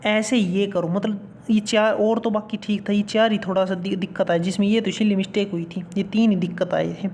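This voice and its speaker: A man's voice: sits high, a little mellow, a little hiss or hum. A man giving blunt, colloquial exam-strategy advice as a coaching YouTuber. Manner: blunt, colloquial, keeps saying "bhai sahab".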